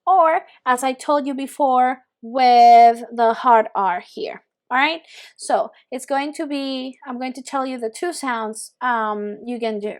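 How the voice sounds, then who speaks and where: A woman's voice: sits high, a little mellow. A woman teaching Spanish pronunciation, patiently modeling sounds for students to repeat. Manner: slow and patient, drawing out sounds for repetition. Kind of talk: pronunciation lesson.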